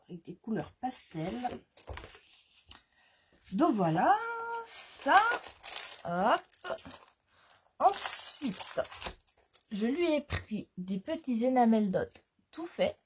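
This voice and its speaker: Woman crafting vlogger, slow and mellow, chatty with lots of fillers. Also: medium pitch, breathy edge. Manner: chatty, hesitant with frequent fillers. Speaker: scrapbooking vlogger. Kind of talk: casual product haul chat.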